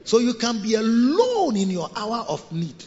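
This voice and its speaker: Male bishop, high and lively preaching voice, booming cathedral echo, muffled recording. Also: measured pace. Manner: animated preaching with sung phrases and sudden drops to soft asides. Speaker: bishop and pastor. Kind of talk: sermon. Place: large cathedral hall. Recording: dull recording with long hall reverb.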